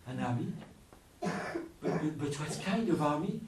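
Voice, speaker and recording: A man performs a naive young man in a live tall tale, timid and stammering. The voice is pushed up high and sounds distant in an echoey room. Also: expressive, a little slow, noisy background. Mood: alarmed. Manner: hesitant, stammering. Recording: roomy, distant mic.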